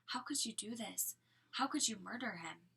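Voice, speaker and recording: A woman's voice: medium pitch, expressive, normal speed, gravelly, sharp tone, slightly rough, heavily acted. A woman reading aloud and voicing a frightened, defiant young teen boy who speaks urgently and accusingly.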